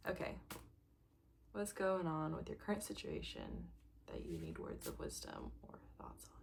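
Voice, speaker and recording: A woman giving a casual tarot reading to camera, gentle and reflective, laughing lightly and sometimes dropping to a soft near-whisper. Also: low voice, huge pitch swings, unhurried, creaky, a little hiss or hum. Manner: laughs lightly between thoughts. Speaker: tarot reader.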